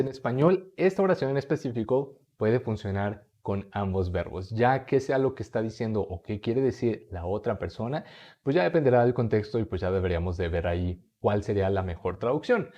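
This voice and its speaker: A man with a Mexican Spanish accent, patiently explaining an English lesson and slowly repeating phrases for learners. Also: fairly low pitch, mellow, dull audio. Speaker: English teacher.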